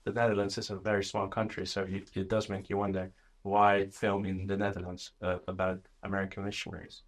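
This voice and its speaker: A man's voice: low-pitched, completely flat delivery, a little fast. A man guest speaking with hesitant fillers in a roundtable chat.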